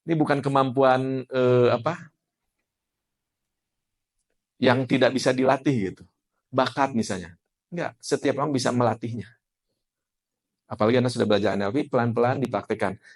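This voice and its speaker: A man, teaching a class as an NLP trainer in a lively style and often putting questions to the room. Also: medium pitch, brisk, pauses often. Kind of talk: classroom lecture.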